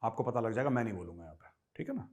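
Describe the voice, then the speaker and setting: A man's voice: mid-range voice, lively intonation, rapid-fire, a little mellow. A middle-aged man from India hosting a political commentary show, talking emphatically and with scorn, full of rhetorical questions. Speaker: host.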